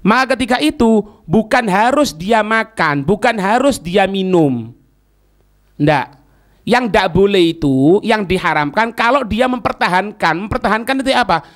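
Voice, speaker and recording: Here an Islamic teacher's voice sits high and a bit bright, carrying a Javanese accent. He leads a religious lesson in a didactic manner, repeating phrases and confirming his students follow.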